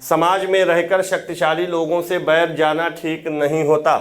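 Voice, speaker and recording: A man teaching Hindi grammar for exam prep, explaining step by step, repeating key words for students to note and checking in with quick questions. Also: fairly high pitch, little pitch movement.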